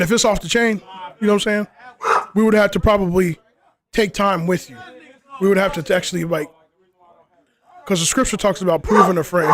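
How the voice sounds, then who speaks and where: A man hosting a casual outdoor podcast interview, who keeps tossing in "you know what I'm saying" as he talks. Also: sits high. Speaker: interviewer and group leader. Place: outdoors in the cold.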